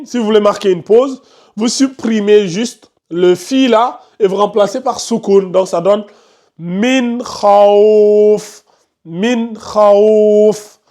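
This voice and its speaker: A man with a high-pitched voice leads a tajwid class in a classroom. He explains each rule with patient repetition and quizzes his students as he goes. He firmly tells chatty pupils to be quiet. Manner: firm, scolds chatty students and asks the class questions. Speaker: Quran recitation teacher.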